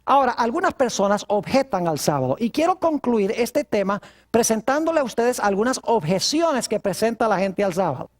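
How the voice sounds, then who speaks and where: A man's voice: high voice, sing-song, normal speed. A man preaching a sermon as pastor, asking his congregation rhetorical questions.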